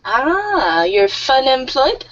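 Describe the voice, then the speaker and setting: A woman's voice: high voice, big pitch swings, very slow, fairly bright tone, a little hiss or hum. A woman in her thirties teaching an online English group class, friendly and a little nervous, laughing often. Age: 30s. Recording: muffled lo-fi audio.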